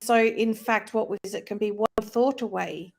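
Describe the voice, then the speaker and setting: Co-hosting a live faith-based wellness discussion online, a woman reflects and explains in a conversational manner, speaking at normal speed in a mid-range voice with vocal fry. Overhead, a plane passes loudly.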